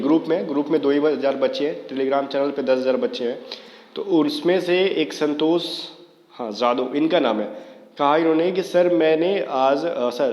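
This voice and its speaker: A man talks straight to his viewers in a casual video lesson, his voice sitting a little high for a man. The room is echoey, and each phrase trails off into a long reverb. He keeps dropping in filler checks as he goes. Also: darkish tone, highs cut off. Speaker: online exam coaching teacher.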